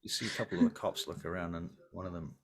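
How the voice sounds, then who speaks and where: Gravelly low-voiced man running a game. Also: wildly swooping pitch, quick pace. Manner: descriptive, with many filler ums. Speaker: game master. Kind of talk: narrating a tabletop game.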